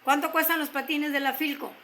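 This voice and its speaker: A woman's voice: high-pitched, flat delivery, a little fast, pushed and bright, a little hiss or hum. A woman voicing a stern, reserved father who speaks seriously and gives orders. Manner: serious, commanding.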